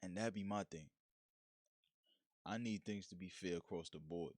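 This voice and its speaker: A man's voice: low-pitched, normal speed, noisy background. A man hosting a solo podcast, talking in a frank, slangy, laid-back way in a casual monologue. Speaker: podcast host.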